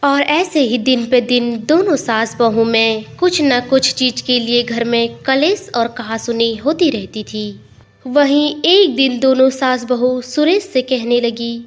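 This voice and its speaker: Her voice a bit higher than average, a woman narrates a family story from a script, storyteller-style, speaking a little slowly.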